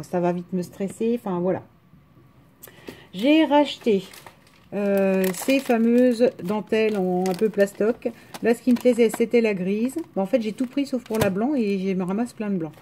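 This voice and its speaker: A woman with a rural French accent talks casually to her viewers at home, rambling and restarting her sentences. Her voice is mellow and dark. A faint hiss sits under the recording. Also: mid-range voice, normal speed. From France. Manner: chatty, rambling, frequent hesitations and restarts. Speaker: vlogger showing a craft haul.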